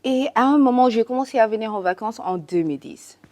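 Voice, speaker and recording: A young woman from Senegal, a guest in a casual chat, relaxed and laughing often, switching between French and English. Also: fairly high pitch, brisk. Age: young adult.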